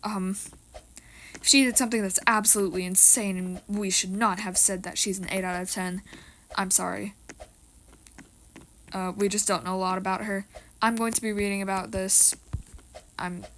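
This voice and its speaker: A woman's voice: mid-range voice, fairly even intonation, normal speed, pauses often, a bit bright, a little hiss or hum, poor audio. A teenage girl chatting casually about a musical's characters, rambling with lots of fillers and restarts. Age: teens. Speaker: co-host of a rating video. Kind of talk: casual chat.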